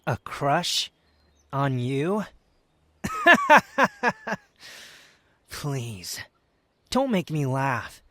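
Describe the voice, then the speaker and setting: Man acting haughty Wanderer, dry and expressive. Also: mid-range voice, no echo, exaggerated voice. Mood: scoffing, defensive. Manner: haughty, formal wording, halting, sighs and scoffs. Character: aloof, proud, sardonic young male wanderer confessing reluctant affection. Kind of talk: intimate scripted roleplay ASMR, fan audio drama.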